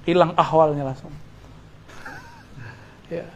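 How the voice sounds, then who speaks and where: Guy teaching a relaxed religious study class, slightly high voice, chatty, drops arabic phrases in. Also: slow pace, highs cut off. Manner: conversational, mixes Arabic phrases with casual asides. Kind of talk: informal Islamic study lecture.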